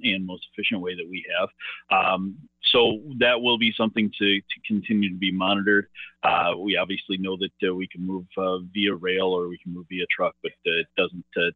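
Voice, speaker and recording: Halting man over a tinny phone line. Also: deep voice, no room sound. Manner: halting, full of "uh" fillers and restarts. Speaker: market analyst guest. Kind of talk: radio market commentary.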